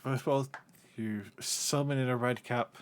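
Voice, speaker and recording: A man running a tabletop game as game master, narrating casually in a halting, informal way. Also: mid-range voice, steady tone.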